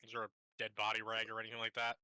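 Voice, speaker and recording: A man playing a tabletop game, making quick offhand remarks. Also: fairly low pitch, monotone, sharp tone, clear, resonant tone, no echo, studio quality. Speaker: player. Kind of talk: casual tabletop game chat.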